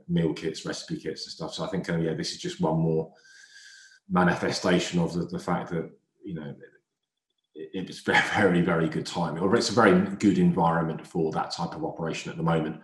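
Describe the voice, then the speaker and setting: A man talking as a guest retail analyst in a casual podcast chat, thoughtful and full of fillers. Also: low-pitched. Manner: thoughtful, many fillers and restarts. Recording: roomy echo.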